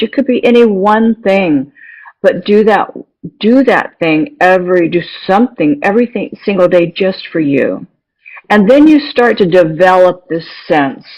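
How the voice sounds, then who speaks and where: A woman's voice: on the low side, a little mellow, rough recording. A middle-aged woman speaking as an interview guest, earnest and encouraging, often restarting her sentences. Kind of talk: casual interview talk.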